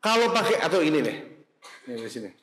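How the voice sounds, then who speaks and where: High-voiced man teaching in an echoing hall. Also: fast, slight background noise. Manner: animated, drills the audience on intonation with playful examples. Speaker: teacher training instructor. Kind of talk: lively workshop lesson. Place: mosque hall with a group. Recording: echoey, reverberant hall.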